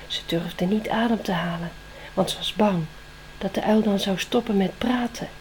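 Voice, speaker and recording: A woman tells a children's bedtime story with expressive delivery, slowing down for tense moments. Her voice sits at a middle pitch, with faint noise behind it. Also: poor audio.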